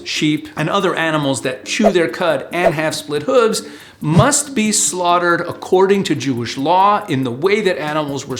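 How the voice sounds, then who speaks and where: A man with a somewhat high-pitched voice delivers a scripted lesson as a rabbi. He explains step by step in a clear teaching manner, with light music playing behind him. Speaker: rabbi answering questions. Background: background music.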